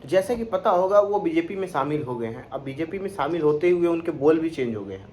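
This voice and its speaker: High-voiced young man ranting about politics. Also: animated, a little fast, darkish tone, slight background noise. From Bihar, India. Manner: indignant, sarcastic, rhetorical questions. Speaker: political commentator vlogger. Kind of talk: opinionated political rant.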